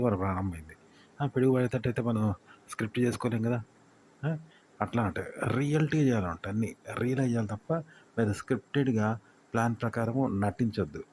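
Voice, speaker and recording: A man's voice: on the low side, darkish tone, a little hiss or hum. A man explaining tips in a talk to camera, repeating himself and asking rhetorical questions. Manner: repetitive, full of rhetorical questions. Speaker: YouTube tips instructor.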